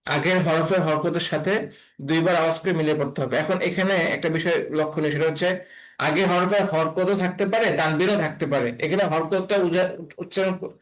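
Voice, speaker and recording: A man's voice: high voice, poor audio. A man teaching an online Quran reading class, patiently spelling out letters and repeating each sound.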